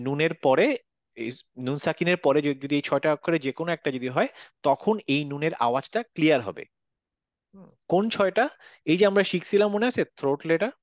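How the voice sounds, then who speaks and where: A man's voice: fairly high pitch, no room sound, lo-fi sound. A man teaching a Quran recitation class online, patiently repeating examples and checking that students follow. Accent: Bangladeshi Bengali.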